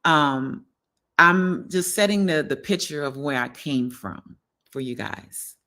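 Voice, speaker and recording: A middle-aged wellness livestream host from New Orleans speaks slowly in a low, expressive voice with a sharp edge. She chats casually with her viewers, addressing them directly and often checking that they agree.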